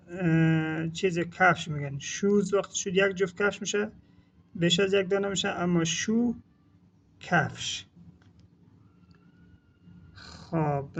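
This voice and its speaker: A man with an Afghan Dari accent teaching English words, saying each model phrase slowly and repeating it before explaining it. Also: high voice, slight background noise. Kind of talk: language lesson explaining vocabulary. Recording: dull lo-fi recording.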